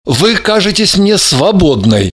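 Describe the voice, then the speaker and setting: A man's voice: sits high, sing-song, unhurried, fairly bright tone, slightly rough, heavily acted. Man reading as an anguished young man cursed in love. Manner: pleading, despairing. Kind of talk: audiobook character reading.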